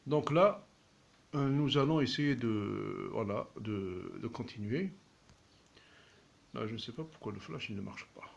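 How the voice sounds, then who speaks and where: A man teaching at a whiteboard, patiently explaining and repeating each word slowly. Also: medium pitch, vocal fry, a little hiss or hum. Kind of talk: slow classroom explanation.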